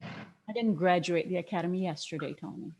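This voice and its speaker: At a screenplay table read, an actress voices a younger police detective who is wry and skeptical. Her fairly low, slightly mellow voice moves briskly, with a dry, probing edge.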